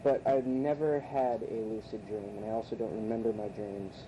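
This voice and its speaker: A man's voice: lowish voice, level tone, moderate pace. A man around thirty telling a personal story in a hesitant, reflective way. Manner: hesitant, many fillers and restarts, reflective. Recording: muffled tape recording with noticeable hiss.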